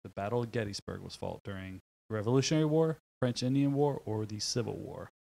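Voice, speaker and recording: A man's voice: fairly low pitch, fast, gravelly, warm tone, rough recording. A man acting as quiz master on a talk show, reading multiple-choice trivia questions with a playful, jokey manner.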